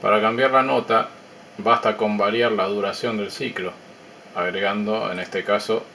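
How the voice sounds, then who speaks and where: A man with a slightly low voice and some vocal fry narrates a technical demo of his electronics project, calm and explanatory, pausing between ideas while a faint hiss runs in the background.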